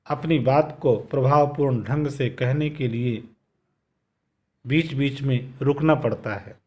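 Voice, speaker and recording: A man teaching a recorded grammar lesson, explaining slowly and deliberately, often repeating phrases. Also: medium pitch, a little mellow. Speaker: school teacher. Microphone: video lesson recording.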